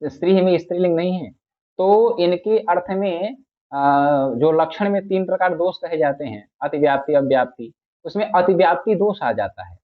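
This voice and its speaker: The recording is tinny and phone-like: a high-pitched man at a moderate pace lectures patiently on grammar. He repeats each point and recites classical phrases as he explains.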